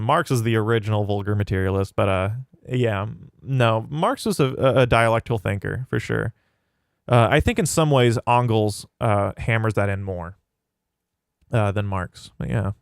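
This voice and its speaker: Hosting his own livestream, a man thinks aloud while answering questions from the live chat in casual talk. His mid-range voice is clear and resonant at a moderate pace, captured in clean studio sound with no room echo.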